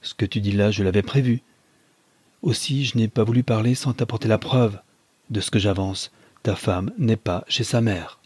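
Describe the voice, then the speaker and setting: A man reading a novel aloud, voicing a possessive older mother who speaks slowly and insistently. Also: lowish voice, a little mellow, husky, no room sound. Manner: slow, measured, insistent. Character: Madame Daliphare, cold possessive mother, slow and deliberate.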